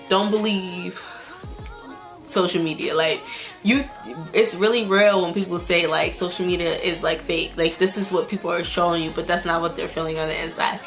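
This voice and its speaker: A woman's voice: fairly low pitch, a bit bright. A woman of twenty-one telling her own story in a vlog, candid and rambling, often restarting her sentences. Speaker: vlogger.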